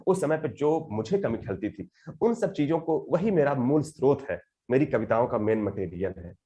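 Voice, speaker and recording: A man in his thirties, a poet talking earnestly and reflectively in an interview and reciting his verse slowly with rising emphasis. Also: medium pitch, expressive, mellow, muffled recording. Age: 30s. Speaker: poet guest. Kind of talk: conversational interview with poetry recitation.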